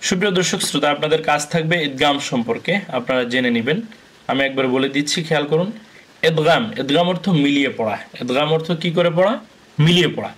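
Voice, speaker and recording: A man's voice: a little high, fast talker. A man with a Bangladeshi Bengali accent teaching Quran reading, spelling out letters, chanting the joined syllables and explaining each rule by asking and answering his own questions. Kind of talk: spelled-out recitation lesson.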